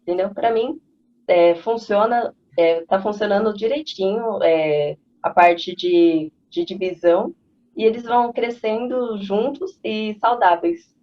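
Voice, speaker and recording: A woman's voice: medium pitch, a little slow. A woman, a mother of three, chatting casually and rambling through parenting stories and advice. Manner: rambling, conversational, frequent fillers like "né" and "assim". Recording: slightly dull lo-fi audio.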